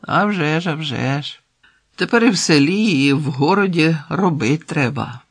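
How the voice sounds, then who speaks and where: A man's voice: fairly high pitch, animated, moderate pace, slightly rough, no echo, pitched above the performer's own voice. A man voicing an elderly village woman who chats in a homely, folksy, motherly way, read aloud in an audiobook story. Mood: folksy, chatty.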